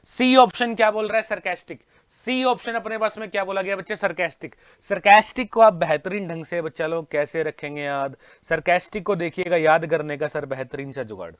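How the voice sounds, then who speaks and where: An energetic Indian man teaches vocabulary to exam students, mixing Hindi with English words and asking the class the same question over and over. His voice sits high for a man, recorded dry and close to the mic. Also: a little fast, hardly any pauses, clean tone, dry recording. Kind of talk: online exam-prep class.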